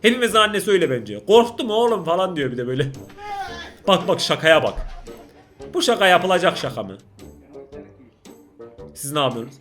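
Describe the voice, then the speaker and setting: A young man with a Turkish accent, reacting to prank videos in casual commentary, exclaiming, laughing and shouting. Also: sits high, big pitch swings, fairly quick, pauses often, soft background music.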